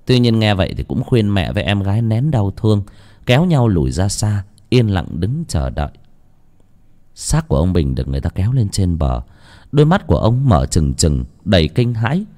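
A man narrating a horror story in a dramatic, expressive way. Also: lowish voice.

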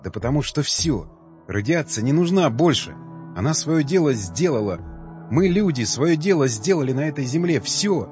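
A man voicing a despairing, worn-out young male survivor who speaks low and heavy. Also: big pitch swings, moderate pace, a little mellow, soft background music. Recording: dull, slightly lo-fi dry recording.

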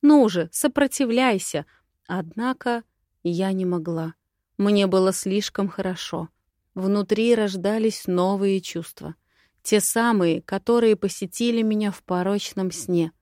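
A woman narrating a first-person romantic fantasy audiobook in an expressive way. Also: mid-range voice, a little slow, dry recording, clean studio sound.

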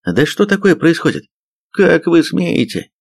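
Guy doing a puffed up blustering army major, loud and huffy, dry sound. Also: medium pitch, big pitch swings, unhurried, no room sound, voice pushed up. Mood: indignant blustering. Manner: huffy, indignant. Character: pompous plump male major, indignant and blustering.

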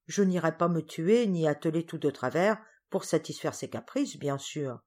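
A woman's voice: low voice, expressive, moderate pace, a little mellow. A woman voicing a put-upon male coachman who grumbles and defends himself. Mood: grumbling.

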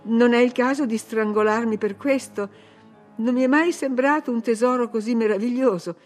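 A woman reading an audiobook, voicing an irritated genteel young husband with sharp, indignant exclamations. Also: fairly high pitch, moderate pace, soft background music, voice pushed up, lightly acted. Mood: curt.

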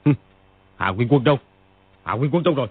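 A man voicing a grief-crazed old stranger in an audiobook, brooding and bursting into angry shouts, with a raspy voice. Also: on the low side, very animated, fairly quick, dry recording. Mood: raging. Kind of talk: audiobook character voice. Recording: tinny phone-like, dry.

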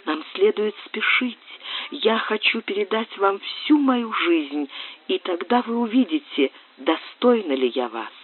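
A man voicing a young woman who pleads desperately, her voice raised higher than his narration. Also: lively intonation, normal speed. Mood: pleading. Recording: narrow phone-like audio.

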